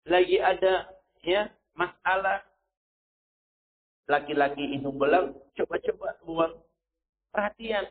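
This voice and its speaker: A male preacher giving a sermon, stressing points with a repeated "ya" and quoting Arabic verses. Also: sits high. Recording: tinny phone-like recording.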